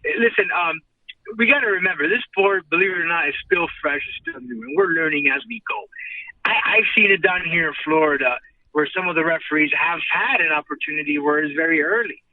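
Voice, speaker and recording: A man's voice: fairly high pitch, brisk, no room sound. A man giving earnest opinions as a guest in a casual sports interview, heard over a remote call. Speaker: guest, ring announcer. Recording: tinny, distant phone-like line.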